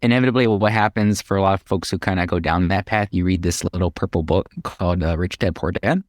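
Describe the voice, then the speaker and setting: Speaking quickly in a low voice with no room sound, a middle-aged man from Hawaii with an American accent chats as a podcast guest. The real estate investor recounts his story casually, with chuckles mixed in.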